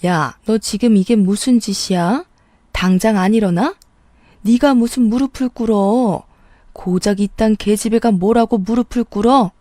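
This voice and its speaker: A possessive sister-in-law hurls insults at full volume, as a woman narrator puts her on. The tone stays dark and mellow, and the recording is dry and close. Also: mid-range voice, unhurried, dry recording, close to an everyday voice. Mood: furious. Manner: screaming insults.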